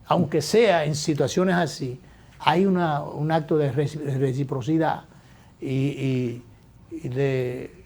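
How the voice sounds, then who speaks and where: A man with a mellow, slightly high voice hosts a talk show. He offers political commentary slowly and thoughtfully. He pauses and restarts his phrases often. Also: fairly even intonation, creaky. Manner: measured, reflective, with many hesitations and restarts.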